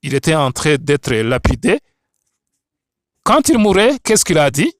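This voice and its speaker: A man's voice: fairly high pitch, big pitch swings, unhurried, no room sound, studio quality. A man with a foreign accent in French, a non-native speaker, teaching the Bible like a preacher in an emphatic, repetitive, didactic way with rhetorical questions. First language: not French.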